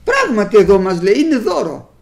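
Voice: mid-range voice, huge pitch swings, gravelly. A preacher giving a sermon, reading old scripture aloud and explaining it plainly to the congregation, whom the preacher calls brothers. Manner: speaks directly to the congregation as brothers.

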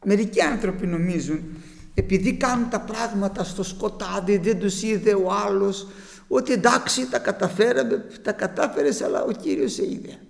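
A man preaching with a high, gravelly voice that leaps even higher when he drives a point home. His sermon rings through a long hall reverb, as if spoken in a church hall, and he slows to a measured pace to read scripture in formal old wording. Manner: impassioned, voice surging up for emphasis. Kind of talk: sermon with Bible reading.

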